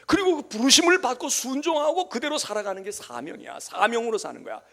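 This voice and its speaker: A male pastor delivers a dramatic sermon, jumping between loud exclamations and near-whispers. His voice is high and gravelly, and its pitch moves all over. He speaks in a church. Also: big pitch swings, fast talker. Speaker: senior pastor. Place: church sanctuary.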